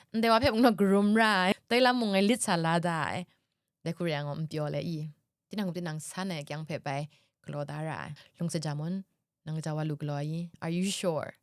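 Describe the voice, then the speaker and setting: Low-voiced woman hosting a chatty podcast. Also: dry recording, studio quality. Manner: chatty, often laughing, mixes in English words. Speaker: podcast host. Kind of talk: casual solo podcast talk.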